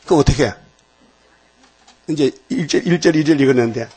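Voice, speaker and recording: A man's voice: fairly high pitch, a little fast, warm tone, breathy edge. A man preaching an informal sermon to a small group, folksy and chatty, often asking the listeners questions.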